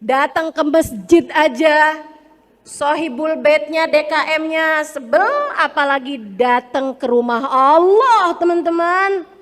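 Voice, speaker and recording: High-voiced woman preacher, animated sermon, reverberant hall. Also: slow. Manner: animated, mixes formal address with slang. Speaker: Islamic preacher.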